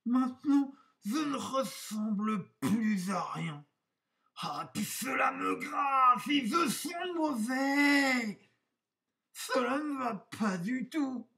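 Fussy vain storybook wolf, male, squealing high, loud dramatic outbursts, mic a bit far off. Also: animated, takes it slowly, full character voice. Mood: despairing.

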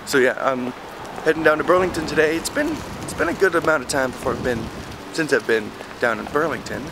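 Young male vlogger, sick and hoarse, rambling, recorded over heavy noise. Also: a little high, lively intonation, fairly quick. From Canada. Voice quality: hoarse and raspy. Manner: rambling, filler-heavy talk. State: sick, rough voice. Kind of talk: casual vlog.

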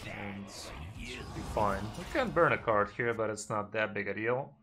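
A man's voice: on the low side, animated, moderate pace, pushed and bright, faint music behind. A man in his thirties giving casual, laid-back live game commentary, slangy and muttering to himself, on a home streaming mic. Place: small indoor room at home.

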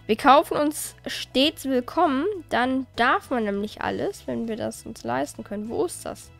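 A woman's voice: high voice, moderate pace, creaky, faint music behind. A woman hosting a let's play, giving casual, chatty commentary as she plays, often exasperated and swearing lightly.

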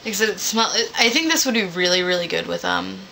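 A woman's voice: lowish voice, animated, quick pace, gravelly, background noise. A young adult woman, a hookah review host, chatting casually and enthusiastically while holding a finger on her lips.

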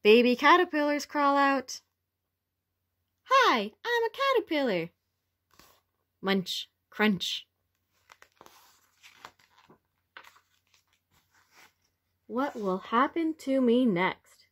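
A woman reads as a cheerful young storybook caterpillar who is becoming a butterfly, also serving as the narrator. She speaks slowly in an exaggerated, very expressive voice with lively pitch swings, using simple words for small children.

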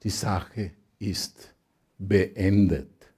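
Husky-voiced man preaching. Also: deep voice, fairly even intonation, very slow, a little mellow. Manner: emphatic, explanatory, quotes scripture. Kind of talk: Bible exposition sermon.

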